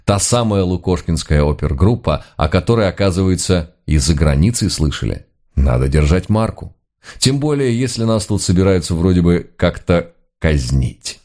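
A man with a very low voice reads a comic novel aloud. His delivery is dry and ironic, yet his intonation rises and falls in lively swings. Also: normal speed. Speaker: audiobook narrator. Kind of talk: scripted narration of a comic novel.

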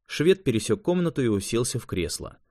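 A man reading fiction aloud as an audiobook narrator in an expressive, measured way. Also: mid-range voice, dry recording, clean studio sound. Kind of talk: scripted narration.

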